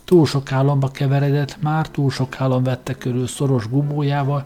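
A man reading a story aloud in a steady, even way as an audiobook narrator. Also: mid-range voice.

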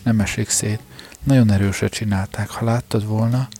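A man's voice: lowish voice, fairly even intonation, mellow, faint music behind, lightly acted. A man reading the part of a stubborn, eager teenage son who insists on getting his way in an audiobook. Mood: insistent.

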